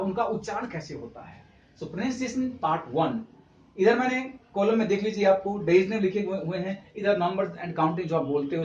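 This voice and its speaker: A fairly high-voiced man gives a step-by-step English pronunciation lesson. He repeats key points and keeps asking rhetorical questions. The recording sounds roomy and a little dull, with a faint hum underneath. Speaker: English teacher.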